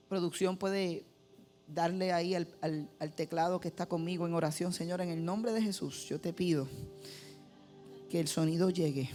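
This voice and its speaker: A man's voice: on the high side, a little mellow. Earnest preaching man over live keyboard. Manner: earnest preaching that swells into emphatic exhortation. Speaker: pastor. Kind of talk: sermon with prayer. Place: church service on stage. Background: live keyboard playing.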